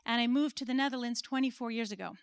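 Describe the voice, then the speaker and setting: Speaking quickly in a highish, clean voice with no audible room, this forties-aged conference speaker from the United States delivers a sincere, personal talk on stage, occasionally poking fun at herself.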